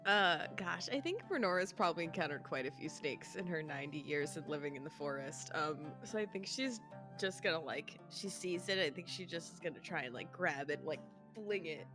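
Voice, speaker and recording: A woman's voice: low voice, lively intonation, fairly quick, music in the background. A woman playing in a tabletop game, talking casually, giggly and exclaiming. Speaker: player.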